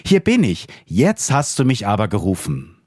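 A man's voice: on the low side, wildly swooping pitch, moderate pace, darkish tone, breathy edge, exaggerated voice. A man voicing an eager, obedient young boy in a dramatized Bible reading.

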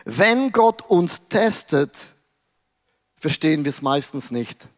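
A man's voice: on the high side, big pitch swings, slow pace. A man preaching casually, retelling a story dramatically with slang. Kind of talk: sermon storytelling.

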